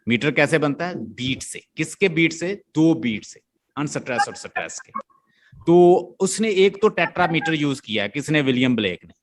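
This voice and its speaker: A man's voice: a little high, expressive, normal speed, a little hiss or hum. A male literature teacher lecturing a class, explaining step by step, chanting stress beats aloud and often checking that the students follow.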